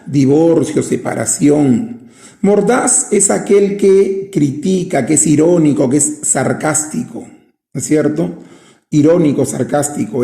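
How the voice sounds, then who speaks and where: A man teaching a recorded lesson, talking slowly and often asking rhetorical questions. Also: fairly high pitch, creaky, mellow, roomy sound. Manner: slow, drawn-out, asks rhetorical questions.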